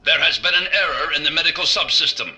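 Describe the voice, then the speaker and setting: A man voicing a malfunctioning military medic robot that glitches and repeats error messages in flat, clipped announcements. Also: a little high, quick pace, far from the mic, faint music behind.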